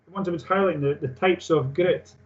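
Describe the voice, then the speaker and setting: A male technical instructor lectures a class in an informal, matter-of-fact way. His voice sits a little high for a man. He reads out procedures and explains them plainly, and the recording is dull and lo-fi. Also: fairly quick. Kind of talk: classroom lecture on aircraft engine maintenance, reading and explaining. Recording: dull lo-fi sound.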